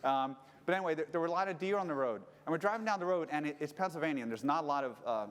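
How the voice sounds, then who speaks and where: A man's voice: a little high, rapid-fire, clean tone, long reverb tail. A man casually telling a personal story as a relationship coach, candid and swearing freely. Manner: candid, swears freely, grows heated retelling the fight.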